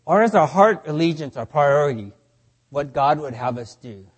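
A man preaching a sermon in short phrases, pausing for an interpreter after each one. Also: on the high side, expressive, slightly rough. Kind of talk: sermon delivered through an interpreter.

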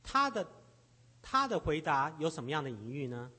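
Husky man interpreting a sermon, halting. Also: a little high, sing-song, sharp tone. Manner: hesitant, repeats words while searching for phrasing.

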